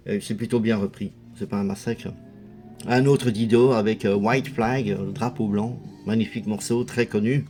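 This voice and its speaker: Male vlog host, low mellow voice, chatty and hesitant delivery. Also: fairly even intonation, normal speed, faint music behind. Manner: chatty, hesitant, lots of fillers. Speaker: video host showing a music collection. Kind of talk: casual commentary.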